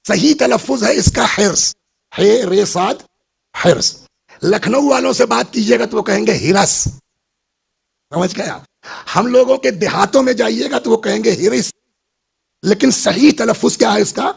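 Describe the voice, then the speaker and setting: Older man, husky gravelly voice, preaching, storytelling, asks listeners questions. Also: high-pitched. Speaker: Islamic scholar giving a majlis lecture. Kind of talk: sermon.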